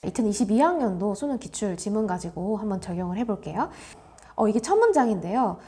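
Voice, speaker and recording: Female English tutor, lively pitch swings, emphatic coaching delivery, faint music under. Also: brisk. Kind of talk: online exam-prep lesson.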